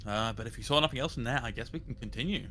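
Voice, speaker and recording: A man's voice: mid-range voice, very fast, bright, forceful tone, slight background noise. A man playing a tabletop game, talking in casual, slangy banter with some swearing.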